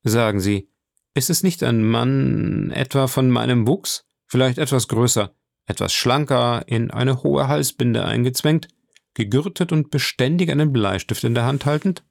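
A man voicing a mysterious nobleman who answers in a measured, solemn way in an audiobook reading. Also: mid-range voice, creaky, no echo, clean studio sound. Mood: grave. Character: mysterious noble count, grave and composed.

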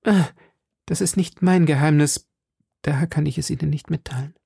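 A man's voice: a little high, moderate pace, vocal fry, warm tone, breathy edge, no echo, clean studio sound, pitched above the performer's own voice, full character voice. Madame Bonacieux, a man doing an anxious young woman. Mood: hesitant. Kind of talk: audiobook character voice.

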